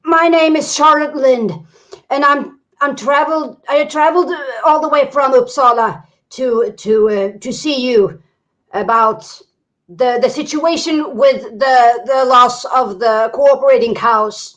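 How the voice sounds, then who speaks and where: A woman's voice: sits high, unhurried, a bit bright, pitched above the performer's own voice, low-quality recording. A woman voicing a brave, polite woman traveler who speaks formally and earnestly.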